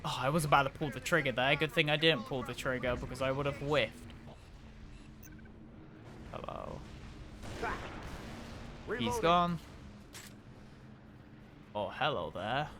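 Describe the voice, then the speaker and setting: A young man streaming a game, rambling in casual commentary, swearing freely and breaking into excited outbursts. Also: medium pitch, a little slow, pauses often, background noise.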